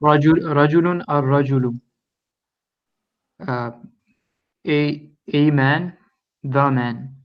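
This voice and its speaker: Man, student, online class, careful halting reading, dull lo-fi sound, faint noise. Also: a little high, steady tone.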